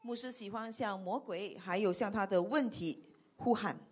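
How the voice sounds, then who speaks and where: A woman giving steady, earnest interpretation of a sermon, phrase by phrase. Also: mid-range voice, normal speed, slightly rough.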